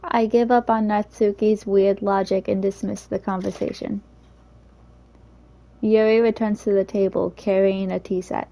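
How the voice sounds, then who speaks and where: A woman reading a visual novel's narration aloud in a steady, even way. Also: medium pitch, measured pace, low-quality recording. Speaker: game reader.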